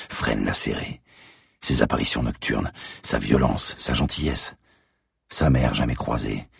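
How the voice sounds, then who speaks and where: Really deep husky guy reading an audiobook, gravelly, dry close sound. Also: no echo. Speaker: narrator. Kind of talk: audiobook narration.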